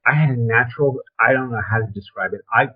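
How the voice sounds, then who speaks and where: A man's voice: mid-range voice, quick pace, husky. An older man with a Brooklyn accent, reminiscing about his career in an emphatic, blunt, conversational way. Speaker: interview guest, film trailer and design veteran. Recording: thin, phone-like call audio.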